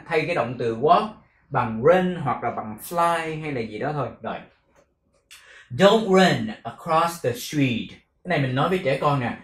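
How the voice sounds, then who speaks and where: A man teaching English pronunciation, drilling each word again and again at an unhurried, deliberate pace. His voice sits a little on the higher side for a man. The room around him is echoey. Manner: repeats words slowly and carefully, syllable by syllable. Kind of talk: pronunciation lesson with repeated drills.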